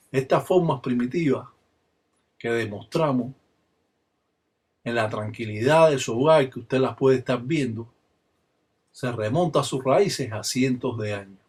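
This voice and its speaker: Husky older Cuban man preaching solemnly. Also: mid-range voice. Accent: Cuban Spanish. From Cuba. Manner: solemn, insistent, bursts into rhythmic chanted call-and-response phrases. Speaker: religious elder and teacher. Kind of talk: spoken religious teaching with ritual chanting.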